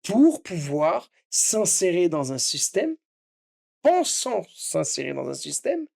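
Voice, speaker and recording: A man's voice: high-pitched, very animated, takes it slowly, gravelly, darkish tone. A middle-aged man from the Paris suburbs, a chef and podcast guest, speaking passionately and emphatically in a casual podcast conversation, hammering key words through repetition. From Paris suburbs, Seine-Saint-Denis.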